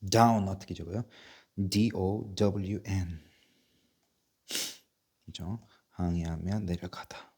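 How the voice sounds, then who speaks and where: Male teacher, low voice, very slow pace, spells words letter by letter, patient repetitive drill, occasional cough. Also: fairly even intonation, mellow, husky. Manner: patient, repetitive, asks and answers himself. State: coughing, bronchial trouble. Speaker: English teacher.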